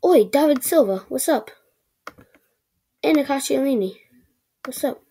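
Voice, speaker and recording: A woman giving excitable, chatty commentary while opening packs in a video game, often stammering. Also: high voice, moderate pace. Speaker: gaming video creator. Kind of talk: casual gaming commentary.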